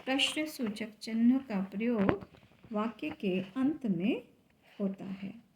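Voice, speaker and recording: Slow-paced Hindi teacher woman. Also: a little high, animated, noisy background. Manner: slow, explains step by step, asks and answers own questions. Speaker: school teacher. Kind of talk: grammar lesson.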